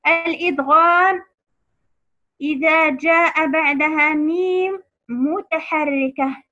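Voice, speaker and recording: A woman teaching a lesson on recitation rules to other women, patiently repeating key terms slowly. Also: high-pitched, highs cut off.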